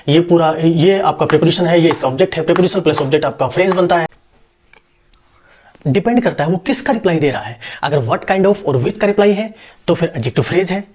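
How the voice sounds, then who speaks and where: A young man with a somewhat high, darkish, husky voice teaches an English grammar lesson. He explains step by step, poses rhetorical questions and answers them himself, and uses reassuring fillers with repeated checks.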